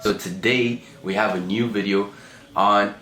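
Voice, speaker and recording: A man of twenty-two from Miami, chatting casually as a vlogger and telling stories in a relaxed, rambling way. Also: on the low side, unhurried, faint music behind. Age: 20s. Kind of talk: casual chat to camera. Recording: echoey room with background noise.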